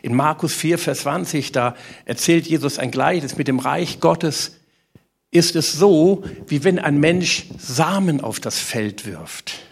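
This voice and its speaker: A man preaching a sermon to a congregation, animated and asking rhetorical questions. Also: fairly high pitch, slow, creaky, slightly rough.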